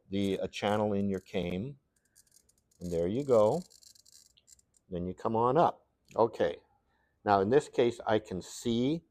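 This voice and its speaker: A man's voice: lowish voice, a little mellow, no echo. A man teaching glass cutting in a studio workshop, talking in a folksy, rambling way as he thinks aloud through a hands-on demonstration.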